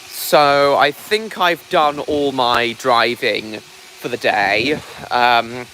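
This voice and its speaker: A man with a mid-range voice and drawn-out words livestreams casually outdoors beside a heritage railway engine, a train enthusiast who raises his voice and keeps repeating himself. Loud steam engine noise sits behind him, and the recording quality is low.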